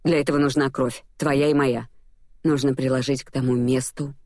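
A woman reading the part of a cold, calm male regent in an audiobook, speaking in a level, measured way. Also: very deep voice, no echo, clean studio sound.

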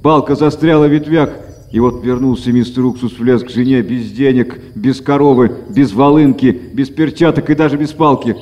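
Male storyteller, fairy tale reading, mid pitch, roomy echo. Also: moderate pace. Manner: lively, acted-out reading. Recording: echoey reverberant room.

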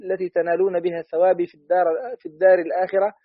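A man with a high voice reads a classical text aloud at a fast clip, steady and even. The sound is dry and dull, like lo-fi audio. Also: no room sound. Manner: quick, steady recitation. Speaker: student reader.

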